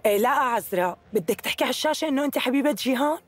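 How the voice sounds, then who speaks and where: A woman's voice: high-pitched, lively intonation, very fast, faint music behind. A woman dubbing a wary young woman who keeps questioning her friend's plan. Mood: doubtful. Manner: doubtful, asks worried questions. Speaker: dubbing actress.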